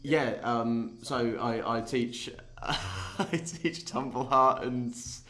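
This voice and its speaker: A man playing a tabletop game, talking casually in halting bursts with many restarts. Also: mid-range voice, steady tone, bright, forceful tone, reverberant. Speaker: player.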